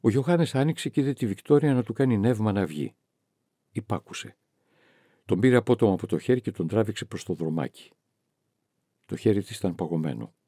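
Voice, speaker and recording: A male audiobook narrator who reads with expressive, storytelling delivery. His voice is dark and husky, moving lively through its pitch range. The recording is close and dry. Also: pauses often, no room sound. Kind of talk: scripted narration.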